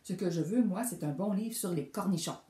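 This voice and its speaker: A woman's voice: on the low side, fairly quick, dark tone, close to an everyday voice. A woman voicing a big, grumpy, stubborn male bear in a storybook reading, with a grumbling, protesting manner, recorded in an echoey room.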